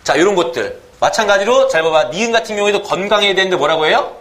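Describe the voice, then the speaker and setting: Animated male teacher quizzing his class. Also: high-pitched, quick pace. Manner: animated, asks the class questions and mimics pronunciations. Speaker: Korean grammar teacher. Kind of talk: lively classroom lecture.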